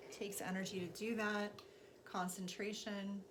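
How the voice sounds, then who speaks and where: A woman teaching a spiritual class and guiding a meditation in slow, deliberate phrases with pauses. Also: medium pitch, level tone. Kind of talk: guided meditation and spiritual instruction. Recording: clearly noisy recording with background ambience.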